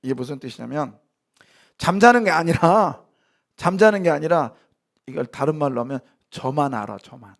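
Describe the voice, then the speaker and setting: A man preaching a sermon in a church, lively, asking the congregation questions and answering them himself, now and then acting out short lines. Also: on the high side, normal speed, vocal fry. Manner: acts out short quoted lines in sharp voices. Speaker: pastor. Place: church sanctuary.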